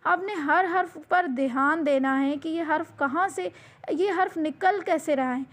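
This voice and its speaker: High-voiced woman teaching Quran letters. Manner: patient, repeats instructions, drawn-out letter demonstrations. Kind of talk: recorded online lesson.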